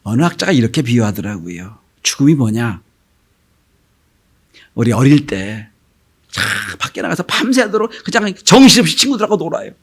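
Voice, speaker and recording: A man's voice: mid-range voice, normal speed, breathy edge. A middle-aged man preaching a sermon as pastor, telling stories and acting out the voices of the people in them, sometimes dropping to a whisper. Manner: animated storytelling, acting out quoted voices; drops to a whisper for emphasis.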